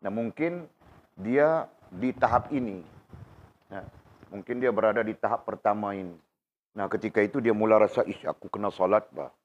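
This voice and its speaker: A man teaching an informal religious class, quizzing students by name and tagging his points with quick questions, sounding unwell. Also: lowish voice. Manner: conversational, questions students by name, frequent tag questions. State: unwell, in pain while talking. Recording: dull lo-fi recording.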